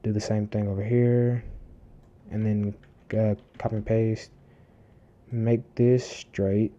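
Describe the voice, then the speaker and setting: A man's voice: fairly low pitch, flat delivery, slow pace, dark tone, muffled recording. A man casually talking through a screen-recorded tutorial, rambling with many fillers and restarts, breathing close into his desk microphone. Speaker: tutorial host. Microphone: desk mic close to mouth, heavy breathing.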